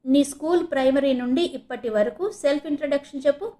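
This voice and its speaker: A woman's voice: sits high, fast talker, mellow, voice pushed up, natural voice. A woman narrator voicing teasing male college seniors mocking a newcomer. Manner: mocking, raised voice.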